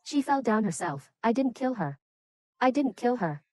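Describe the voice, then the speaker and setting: A woman's voice: on the high side, very animated, normal speed, no echo, clean studio sound. A woman in an English drama dub playing a confused, frightened older auntie who keeps repeating denials. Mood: frantic. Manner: repetitive frantic denials.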